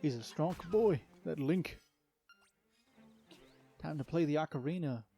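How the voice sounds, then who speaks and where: A young man talks casually over his own gameplay, rambling and easygoing, often trailing off and starting over. His voice is mellow and soft-edged, and faint music plays underneath. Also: a little high, measured pace. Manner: rambling, easygoing, many fillers and restarts. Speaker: let's play commentator. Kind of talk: casual solo gameplay commentary.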